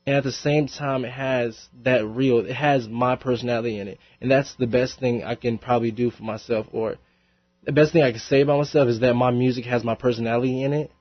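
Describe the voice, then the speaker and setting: A young adult rapper appears as a guest on college radio, rambling through a casual chat packed with fillers and frequent laughter. He speaks a little fast in a steady, medium-pitched voice. The studio recording is dry and slightly dull.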